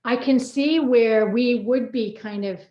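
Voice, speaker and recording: Warm-toned and a little slow, this middle-aged woman's voice runs on the high side. She's a co-author hosting a casual, unscripted personal chat, rambling along informally. The audio comes across roomy and dull, distinctly lo-fi.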